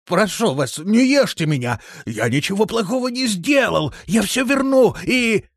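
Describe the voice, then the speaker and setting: A man reading an audiobook plays a cowardly brute who shrieks and whines, pitched far above a normal man's speech. His loud, strained voice swoops widely, while the reading stays close and dry. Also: sing-song, normal speed, dry recording. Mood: wailing. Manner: yelling, pleading, sobbing. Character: panicky burly male thug, shrill and whining. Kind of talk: audiobook character voice.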